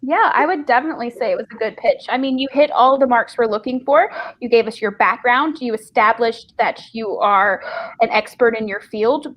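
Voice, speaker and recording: Woman, literary agent, fluent quick feedback, higher voice. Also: fairly bright tone. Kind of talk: panel feedback on a video call.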